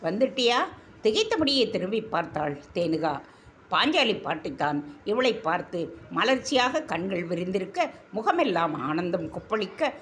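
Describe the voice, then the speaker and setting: A woman narrating a serialized story in an expressive, measured reading. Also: medium pitch, slight background noise.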